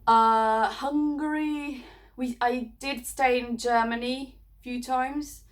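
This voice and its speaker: A woman's voice: fairly high pitch, steady tone, takes it slowly. Rambling woman vlogger from Serbia. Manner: rambling, many fillers and restarts. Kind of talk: casual chat to camera.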